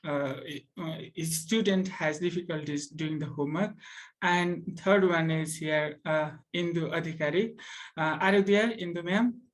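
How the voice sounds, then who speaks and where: Nepali teacher trainer on a video call, slowish, lots of uhs, bit higher voice. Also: male voice, rough recording. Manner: halting, frequent uhs. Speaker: teacher mentor. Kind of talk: online conference introduction.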